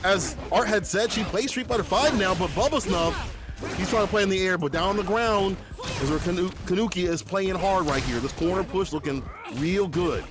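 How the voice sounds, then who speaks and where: Male esports caster, high voice, lively jokey play-by-play, music under him. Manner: excitable, joking, fast play-by-play. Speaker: esports commentator. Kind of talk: live fighting game commentary.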